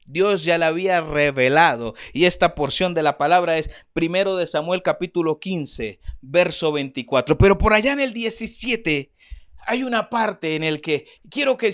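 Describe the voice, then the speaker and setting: A man's voice: fairly high pitch, fairly bright tone. A man preaching a sermon as pastor, acting out Bible figures in changing voices.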